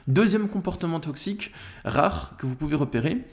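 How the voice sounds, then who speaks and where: A man's voice: fairly high pitch, animated, normal speed. A man with a French accent, a coach, giving direct-to-camera advice with emphatic, example-driven explanations.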